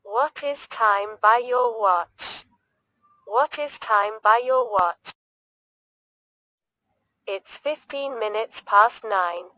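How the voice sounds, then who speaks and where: A woman speaks very slowly in a bright, pointed voice, a little higher than most. She reads short phrases for learners and repeats each one with careful clarity. The sound is dry and close, with no room around it. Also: dry recording. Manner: reads each sentence twice, clearly and deliberately. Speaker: English teacher.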